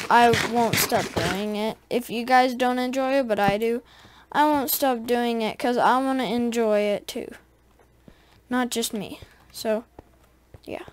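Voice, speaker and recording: A woman's voice: on the high side, slight background noise. A woman giving casual gameplay commentary, rambling and chatty as she talks straight to her viewers. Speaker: gaming video creator.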